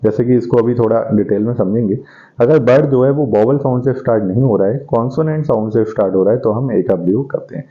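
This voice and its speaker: Over a dull lo-fi recording, a medium-pitched man walks through an English grammar lesson one step at a time. He poses questions he then answers, and reads out the English example sentences slowly.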